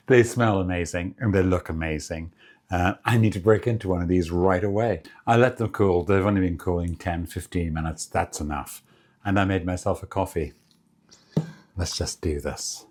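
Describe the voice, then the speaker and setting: A man hosting a casual home cooking demonstration, chatting in a relaxed way and savoring the food aloud as he tastes it. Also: sits low, a little hiss or hum.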